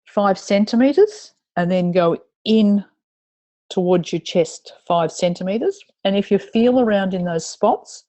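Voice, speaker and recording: A woman teaching tapping points in a webinar, guiding listeners through slow repeat-after-me phrases over a video call. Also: on the low side, warm tone. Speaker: EFT tapping instructor.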